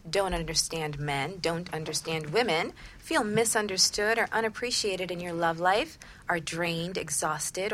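On a radio relationship talk show, a middle-aged woman co-hosts as a coach, her voice on the low side. She presents enthusiastically and expressively, shifting between scripted lines and chat, with slight background noise.

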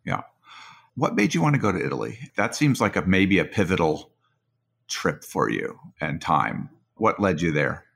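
A man's voice: sits low, big pitch swings, normal speed, gravelly, fairly bright tone, slightly rough. A man hosting an interview, asking questions in a conversational style. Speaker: interviewer, podcast host.

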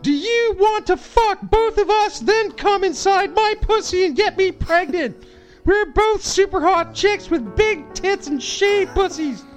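A brash Canadian woman, as a man puts her on, in a loud, shrill falsetto that stretches every phrase. Her pitch is lively, with faint music underneath. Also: drawn-out words, long pauses, exaggerated voice. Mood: brazen. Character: bold Canadian woman letter writer.

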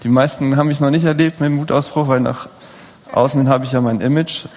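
A man's voice: mid-range voice, steady tone, fast talker, darkish tone. A man in his thirties preaching a sermon in a conversational way, often putting rhetorical questions to the audience. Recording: long hall reverb.

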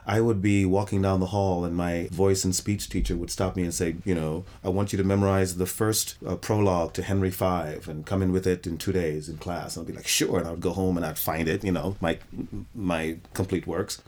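A middle-aged man from Trinidad who works as an actor and director, telling expressive stories in an interview and repeating words when he gets excited. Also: sits low, fairly quick, hardly any pauses. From Trinidad, West Indies. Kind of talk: interview conversation.

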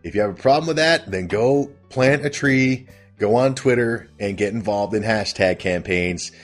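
A man's voice: fairly low pitch, normal speed, soft background music. A man hosting a casual comedic recap of a TV episode, rambling and amused at his own retelling. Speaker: host.

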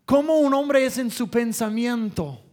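A man's voice: very high voice, measured pace, darkish tone. A man preaching a sermon through family stories, emphatic, repeating phrases and chuckling between points.

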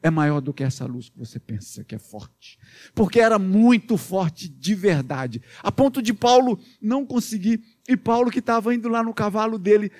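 A male pastor with a Minas Gerais accent tells children a Bible story in a high-sitting voice. He's animated and playful, adding sound effects and asking the kids questions.

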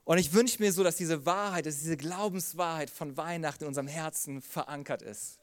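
A man preaching a sermon, telling a story with lively acted quotes. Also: on the high side, fairly quick, no echo, studio quality. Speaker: pastor.

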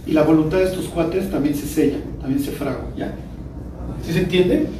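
A man with a Mexican accent teaching an informal Bible class, chatty and colloquial, often checking that everyone follows with quick rhetorical questions. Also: a little high. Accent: Mexican Spanish. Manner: colloquial and joking. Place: room with a small group. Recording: roomy, distant mic with faint noise.

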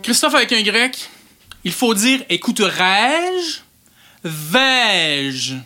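Brief: woman plays a fussy Quebec amateur director, animated, exasperated corrections. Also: medium pitch, drawn-out words, faint music behind, heavily acted. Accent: Quebec French.

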